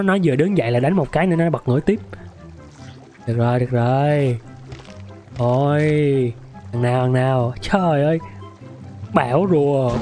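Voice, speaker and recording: A hoarse young man with a sore throat, excitedly commenting on a mobile game he is playing, yelping and repeating words. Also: medium pitch. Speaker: gaming streamer.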